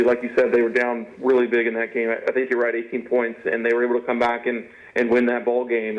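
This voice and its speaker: A man talking casually about sports as a show guest, his speech slightly muffled as if from a swollen mouth. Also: medium pitch. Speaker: sports editor and podcaster, guest. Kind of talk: casual sports interview talk. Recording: dull, band-limited radio-style sound.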